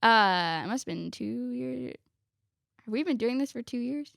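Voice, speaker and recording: A woman's voice: on the high side, lively intonation, unhurried, creaky, fairly bright tone, dry recording, clean studio sound. A woman in her twenties, a guest on a family podcast, chatting casually and laughing often, sometimes backtracking mid-sentence. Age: 20s.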